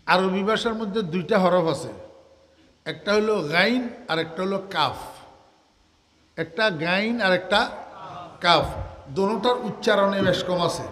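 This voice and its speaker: High-voiced Bangladeshi preacher, echoing hall. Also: male voice, a bit bright. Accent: Bangladeshi Bengali. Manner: asks the crowd questions and answers them himself; draws out Arabic words slowly, half sung. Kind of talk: waz sermon. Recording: echoey hall reverb.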